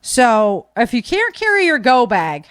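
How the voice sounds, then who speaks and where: A woman's voice on the high side, a bit bright, swings hugely in pitch at a measured pace, captured in clean studio sound with no room noise. She hosts talk on preparedness and self-defense, casual and opinionated, insisting on her advice by repeating key phrases.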